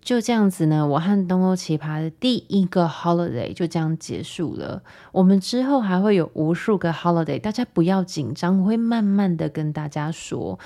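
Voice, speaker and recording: A woman hosts a podcast and tells a personal story in a casual monologue. Her voice sits a little low, and her delivery is chatty and animated, with sarcastic asides. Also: moderate pace, hardly any pauses. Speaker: podcast host.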